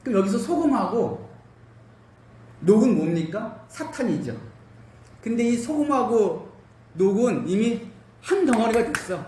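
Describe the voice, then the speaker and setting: Lively male preacher in an echoey hall. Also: high voice, unhurried, pauses often. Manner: animated, asks the congregation questions, everyday cooking comparisons. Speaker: pastor. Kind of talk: sermon. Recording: roomy hall, mic at a distance.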